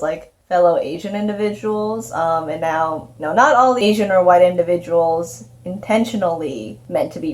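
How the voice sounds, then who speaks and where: Chatty young woman, low-pitched. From United States. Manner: relaxed, chatty, leans on "like" and "um". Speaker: co-host. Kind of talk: casual personal storytelling.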